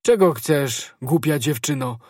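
A man voicing a frightened, sleepy male servant who shouts in a shrill panic, in a storybook reading. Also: expressive, measured pace, dry recording, clean studio sound. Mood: gruff.

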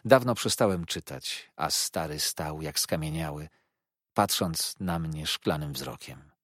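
A man narrating a classic novel in a measured, literary audiobook style. His voice sits very low and carries a husky grain. The recording is close and dry, with no room sound. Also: fairly bright tone, dry recording.

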